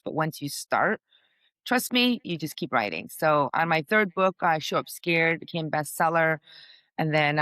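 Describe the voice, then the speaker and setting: A middle-aged woman from Portugal talks as a podcast guest, upbeat and chatty with plenty of fillers. Her voice is bright and forward. The sound is dry and close, with no room behind it. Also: low voice, dry recording. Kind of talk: casual interview talk.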